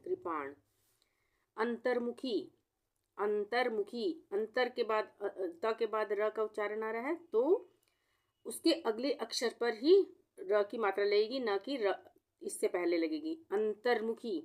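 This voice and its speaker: A woman teaching a spelling lesson, breaking words into syllables and repeating each one slowly. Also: mid-range voice. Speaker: Hindi teacher.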